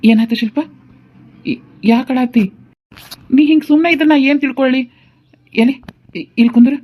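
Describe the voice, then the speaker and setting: A woman's voice: fairly high pitch, dark tone, lightly acted. Cartoon role: patient young husband, voiced by a woman, North Karnataka accent, reassuring and chatty. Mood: coaxing. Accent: North Karnataka Kannada. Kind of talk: cartoon voice acting.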